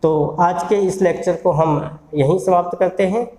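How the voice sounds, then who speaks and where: Man, phonetics teacher, high voice, mellow tone, step-by-step explanation. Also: a little slow, roomy sound, rough recording. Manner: explains step by step, asking the class questions and answering them himself. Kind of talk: recorded classroom lecture.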